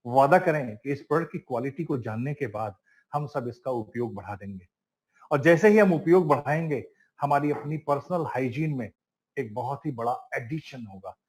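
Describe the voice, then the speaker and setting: A man's voice: medium pitch, darkish tone, poor audio. A man giving a product training class, emphatic and listing items one by one, calling his listeners friends and asking them questions. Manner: emphatic, lists items one by one with rising stress.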